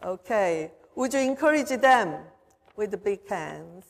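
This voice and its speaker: A woman pastor leading a confirmation service in a formal, measured liturgical manner, her voice carrying a long cathedral-like echo. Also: medium pitch, animated, gravelly. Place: church sanctuary. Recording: voice in a reverberant church.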